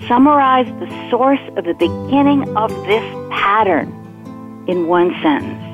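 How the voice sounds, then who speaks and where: A woman guiding a meditation in a measured, instructive way, pausing between phrases. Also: mid-range voice, animated. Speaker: meditation guide. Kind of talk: guided meditation and spiritual teaching. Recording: tinny phone-like line with music behind.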